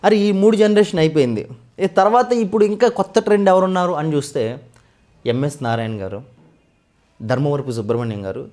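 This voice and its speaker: Fast-talking man telling his story. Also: fairly high pitch. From West Godavari, Andhra Pradesh. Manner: fast, animated storytelling with frequent sir. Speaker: mimicry artist guest. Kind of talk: casual interview talk.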